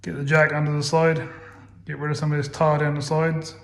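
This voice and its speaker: A man's voice: fairly high pitch, completely flat delivery, a little fast. A man chatting casually while he restores and polishes a car in his workshop, a bit out of breath. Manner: chatty, down-to-earth, self-deprecating. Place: garage workshop. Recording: roomy workshop with clear background noise.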